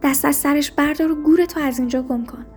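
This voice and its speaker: A woman voicing a wife who shouts shrilly, then begs in tears, in a storybook reading. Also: high-pitched, fairly even intonation, soft background music, lightly acted. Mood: shrill angry. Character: quarrelsome wife, shrill, pleading and tearful.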